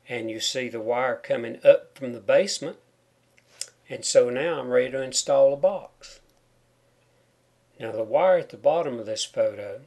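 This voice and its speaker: A man with a mellow, medium-pitched voice narrates a DIY home wiring tutorial, explaining plainly step by step. A chipped tooth gives his s sounds a whistle.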